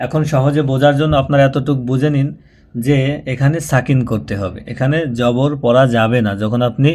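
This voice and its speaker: A man teaching Quran reading. He spells out syllables slowly and patiently, repeating them and drawing them out as he demonstrates. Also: medium pitch, steady tone, a little mellow. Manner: patient, repetitive, slows down and draws out syllables when demonstrating. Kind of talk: spoken tutorial, spelling out and chanting syllables.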